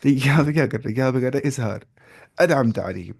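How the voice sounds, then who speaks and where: A man teaching the rules of Quran recitation in a casual lesson, often slipping in English terms and modelling examples slowly. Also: medium pitch, darkish tone. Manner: explains, then models slow drawn-out recitation; mixes English terms into explanations.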